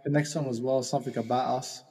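A man co-hosting a casual album review chat, quick and enthusiastic, repeating words as he talks. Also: mid-range voice, steady tone, a little mellow, breathy edge, in a large hall. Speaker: podcast co-host.

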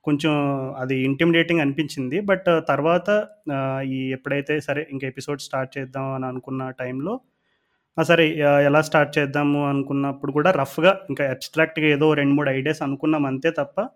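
A man with a slightly high voice and a Telugu accent talks casually on a podcast. He freely mixes English words into Telugu sentences. His explanations wind along with hesitant pauses. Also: fairly even intonation. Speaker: cricket podcast co-host.

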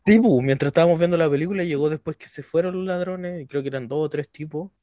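A young adult Chilean man co-hosting a casual podcast, relaxed and slangy, telling childhood stories. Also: a little high, fast talker, dry recording. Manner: relaxed, laughs often, slangy. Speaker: podcast co-host. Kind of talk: casual chat.

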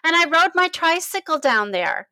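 Bright, high-voiced woman co-host. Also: normal speed, no echo. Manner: animated storytelling, laughs often. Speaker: co-host of a book discussion. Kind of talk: casual chat.

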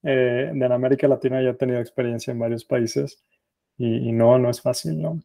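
A middle-aged man with a Mexican accent talks through a podcast interview as the guest. His voice is dark and mellow, and he tells his story in a relaxed, self-deprecating way. The recording is dry and close. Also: mid-range voice, a little fast, gravelly, dry recording.

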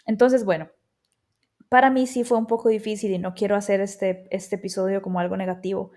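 A woman in her thirties from Costa Rica, speaking with that accent, hosts a podcast as a reflective, chatty personal monologue full of quoted asides. Her voice sits at medium pitch with a steady, darkish tone, and she talks a little fast.

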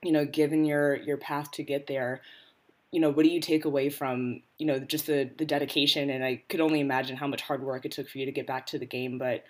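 Even-toned interview host. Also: medium pitch, brisk. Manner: affirming, summarizing, long questions. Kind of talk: conversational interview questions.

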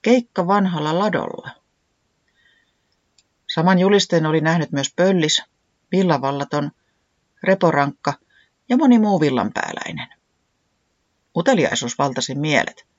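A storyteller reading a children's story aloud with lively expression. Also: medium pitch, long pauses, no room sound, lo-fi sound. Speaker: narrator. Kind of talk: children's audiobook narration.

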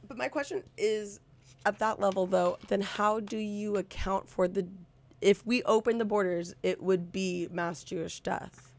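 A woman's voice: medium pitch, steady tone, a little slow. A woman co-hosting a podcast, talking in an earnest, thoughtful way with some hesitations. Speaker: podcast co-host. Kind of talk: casual conversation.

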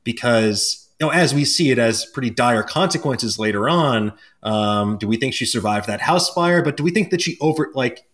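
A man's voice: medium pitch, expressive, normal speed, hardly any pauses, a bit bright. Filler-heavy male podcast host. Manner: hesitant, filler-heavy, hands off questions. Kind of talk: casual chat.

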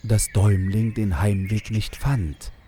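Keeping a steady tone, a man recounts a fairy tale in a very deep, soft, dark voice. He takes his time with every phrase, a measured storyteller. A faint noise lingers behind him.

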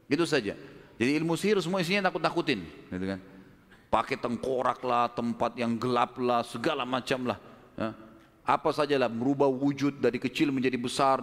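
A male preacher telling a religious story in a lively way, acting out the dialogue and adding casual asides. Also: medium pitch, big-room sound. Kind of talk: storytelling sermon.

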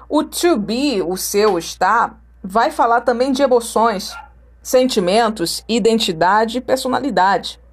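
Brazilian woman, unhurried language teacher who models pronunciation by repetition. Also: mid-range voice. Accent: Brazilian Portuguese. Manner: repeats example phrases to model intonation. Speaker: English teacher. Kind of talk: recorded language lesson.

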